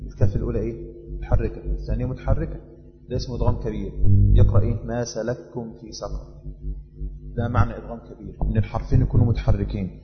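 Gravelly Egyptian man teaching recitation rules. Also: mid-range voice, steady tone, in a large hall, muffled recording, loud music behind the voice. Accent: Egyptian Arabic. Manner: measured, repeats each rule. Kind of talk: tajweed lesson.

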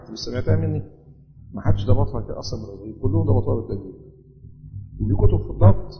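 A man with an Egyptian Arabic accent giving a religious lesson, talking animatedly with rhetorical questions and reciting hadith in a slow chant. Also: mid-range voice, vocal fry. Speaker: hadith teacher. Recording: dull lo-fi audio with long hall reverb.

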